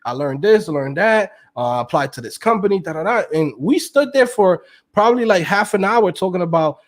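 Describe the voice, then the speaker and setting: A young man telling his story as an interview guest, slangy and animated, acting out quotes with laughs. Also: high voice, fairly quick. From Queens, New York. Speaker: guest, web developer.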